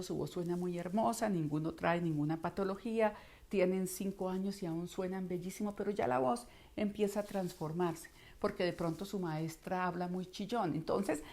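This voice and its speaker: Middle-aged Colombian female voice coach, low-set voice, lively teaching delivery. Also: moderate pace. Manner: expressive, acts out voices in anecdotes. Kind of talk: instructional talk.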